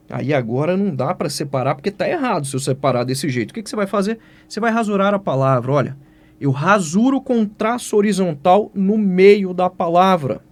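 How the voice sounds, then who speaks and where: A man with a Brazilian Portuguese accent teaching an exam-prep writing lesson, who keeps asking questions aloud and answering them himself. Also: high voice. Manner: lively, asks and answers his own questions.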